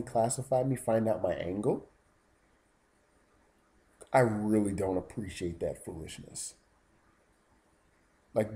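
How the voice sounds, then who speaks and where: A man's voice: mid-range voice, warm tone. A man telling stories in a casual vlog monologue, rambling and indignant. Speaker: YouTube vlogger.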